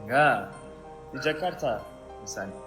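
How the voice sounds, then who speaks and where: A man's voice: mid-range voice, lively intonation, measured pace. Man chatting in simple learner's Indonesian. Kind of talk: casual chat. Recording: music playing behind.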